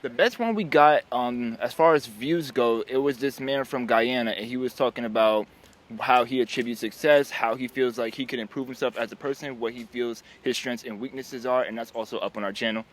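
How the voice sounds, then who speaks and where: A man's voice: medium pitch, moderate pace. A man from South Carolina interviewing people on the street, upbeat and polite with formal phrasing.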